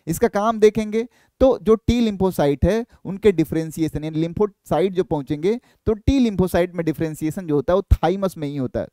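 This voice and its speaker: Young male biology tutor, high pitch, dry studio mic, fires off rhetorical questions. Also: warm tone, dry recording. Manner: explains with rhetorical questions and quick self-answers. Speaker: biology teacher. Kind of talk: exam-prep lecture.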